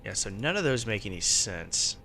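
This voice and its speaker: A man's voice: big pitch swings, normal speed, bright, forceful tone. A man streaming as a virtual pilot, casually thinking aloud and muttering to himself as he works through steps. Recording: faint background noise and low rumble.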